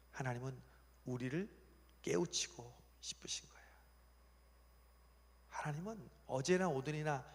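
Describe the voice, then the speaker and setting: A male pastor preaching a youth service sermon in a church sanctuary, telling the story with animation and sometimes dropping to a whisper. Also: medium pitch. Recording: long reverb of a church hall.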